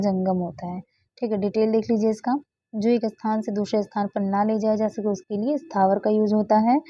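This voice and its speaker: Dark husky-voiced woman tutoring. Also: mid-range voice, no room sound, dull audio. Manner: explains patiently, repeats key answers; frequent "ठीक है" and "okay, next है" fillers. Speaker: exam tutor. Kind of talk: exam question walkthrough.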